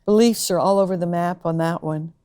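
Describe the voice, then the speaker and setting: A woman specialist giving a measured, scripted explanation. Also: fairly low pitch, fairly even intonation, dark tone, smooth. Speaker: brain function specialist and co-host.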